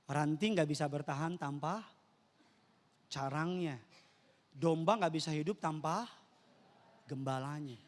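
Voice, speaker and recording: A man preaches in a church, his voice sitting high and bright. He jokes with the congregation and calls out to them directly. His words trail off into the long reverb of the hall. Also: a little slow, pauses often. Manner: lively, joking, addressing the congregation directly. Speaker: pastor. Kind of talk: sermon.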